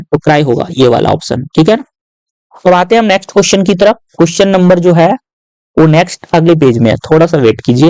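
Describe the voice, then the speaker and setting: A man's voice: on the high side, mellow, dry recording, poor audio. Male tutor, dry close sound. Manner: explains step by step with frequent tag questions; reads English questions aloud slowly. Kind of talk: exam-prep lesson walkthrough.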